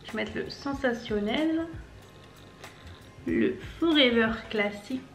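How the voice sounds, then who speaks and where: A woman's voice: fairly high pitch, slow pace, a bit bright. Chatty young woman, echoey room. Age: 20s. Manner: chatty, explains each step as she goes. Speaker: makeup vlogger. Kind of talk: casual makeup tutorial. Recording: echoey room, faint background music.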